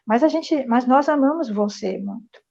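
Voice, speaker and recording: A middle-aged woman shares a personal story in a somewhat high voice, earnest and reflective, often checking in with her listeners. The audio comes through a dull, muffled video call. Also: animated, moderate pace, gravelly, mellow. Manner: earnest, reflective, frequent tag questions. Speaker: speaker sharing a testimony. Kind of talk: personal storytelling in an online meeting.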